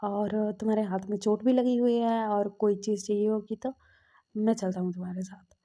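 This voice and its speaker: A woman's voice: medium pitch, little pitch movement, normal speed, dark tone, close to an everyday voice. A woman voicing a caring, protective older man who speaks in a soothing, familiar way.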